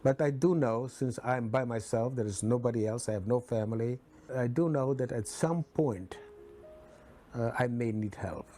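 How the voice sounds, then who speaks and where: A man in his seventies, from the Chernivtsi area, calmly telling his story in a documentary interview. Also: mid-range voice, moderate pace, soft background music. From Chernivtsi area, then Romania. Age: 70s. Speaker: Holocaust survivor interviewee.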